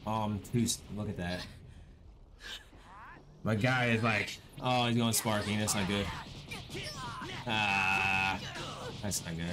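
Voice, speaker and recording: A man giving casual commentary over his gameplay, chatty and growing loud and exasperated in fights. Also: on the low side, fairly even intonation, slow, pauses often, over music. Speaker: gaming YouTuber.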